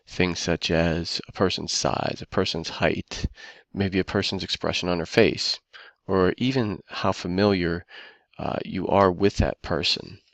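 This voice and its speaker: A man with a low, gravelly voice narrates a training presentation in a measured, instructive tone. The sound is dry and close, with no room around it. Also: fairly even intonation, a bit bright, no room sound.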